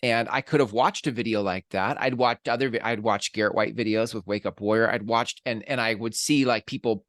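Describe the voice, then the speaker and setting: A man's voice: on the low side, steady tone, a little fast, few pauses, a bit bright, dry recording, studio quality. A man co-hosting a podcast in casual conversation, reflective and thinking aloud with restarts. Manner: reflective, talks through his thoughts with restarts. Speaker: podcast co-host.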